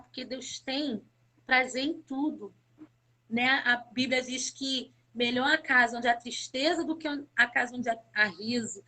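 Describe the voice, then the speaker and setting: Speaking with fervor as a guest on a live stream, a woman from Brazil shares her personal faith testimony in a high, bright-sitting voice. She repeats words to hammer her points home.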